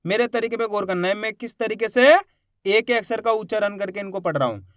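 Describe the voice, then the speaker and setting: A man teaching a reading lesson, slowly sounding out each syllable and encouraging viewers to follow along. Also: high-pitched, a bit bright, dry recording, studio quality. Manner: slow, syllable-by-syllable spelling out of words; addresses viewers directly as friends, encouraging.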